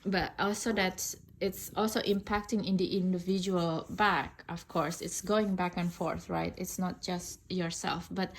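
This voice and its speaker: A woman's voice: mid-range voice, a little hiss or hum. A woman from Indonesia, not an English speaker, talking casually and thoughtfully in a tarot review, rambling with many fillers and restarts. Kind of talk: casual unboxing review talk.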